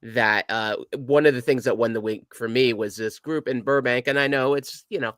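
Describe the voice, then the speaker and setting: A man's voice: mid-range voice, moderate pace, fairly bright tone, smooth, dry recording, studio quality. A middle-aged man co-hosting a podcast, telling rambling stories in casual chat with many restarts. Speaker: podcast co-host.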